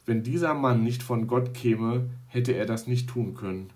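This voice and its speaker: Indignant healed blind man, quiet and low, read by a man, defiant questions. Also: a little slow, close to an everyday voice. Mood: insistent.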